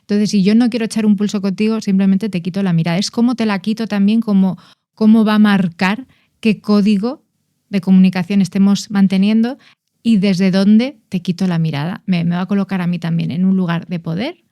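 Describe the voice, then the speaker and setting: A woman on a podcast explains body language in a conversational tone. Her voice is mellow and warm, with a close, dry sound, and she often stresses words and restarts her phrases as she thinks. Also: medium pitch, fairly even intonation, brisk, no echo. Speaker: podcast guest, nonverbal communication expert. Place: podcast studio.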